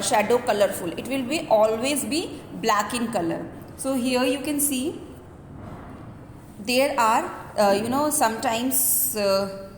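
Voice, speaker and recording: A woman giving an earnest school lecture, explaining step by step and checking in with students through questioning tags. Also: a little high. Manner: earnest, explanatory, often ending phrases with a questioning "right?". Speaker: school teacher. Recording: echoey reverberant room with background noise.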